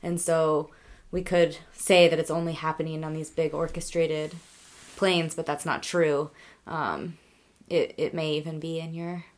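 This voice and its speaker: A woman's voice: deep voice, level tone, a little slow. A woman co-hosting a casual podcast with her husband, chatty and adding her own points. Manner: chatty, adds points with frequent "like" and "um". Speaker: podcast co-host, host's wife.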